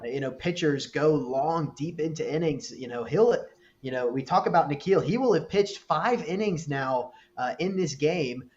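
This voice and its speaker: Measured male baseball commentator, dull remote audio. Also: on the high side, expressive, a little mellow. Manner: measured, explanatory, many fillers. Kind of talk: live sports commentary.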